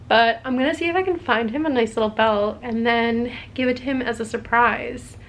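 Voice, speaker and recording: Rough audio with a bit of background noise captures a young woman's slightly high voice at normal speed. She's in a small hotel room, rambling casually about her day to a camera at arm's length, full of filler words, as a travel vlog.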